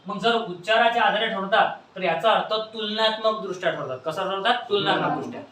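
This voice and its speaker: A man with a high, brisk voice teaches a class, firing questions and echoing the answers back. He sounds far from the mic in a reverberant classroom with faint background noise. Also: bright, forceful tone. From Maharashtra, India. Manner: repetitive questioning, prompts students to answer back. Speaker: Marathi grammar teacher. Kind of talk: classroom lecture with call-and-response.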